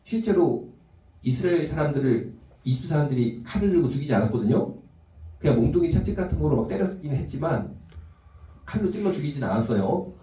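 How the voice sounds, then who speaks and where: A man's voice: a little high, animated, fast, mellow, distant mic. Man preaching in an echoey church. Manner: conversational preaching, asks the congregation questions. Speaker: pastor. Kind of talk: sermon. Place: church sanctuary.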